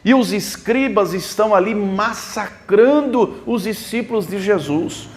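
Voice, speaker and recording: A man's voice: high voice, unhurried, a little hiss or hum. A man preaching a sermon as a pastor, explaining the Bible with rhetorical questions at a church service. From Brazil.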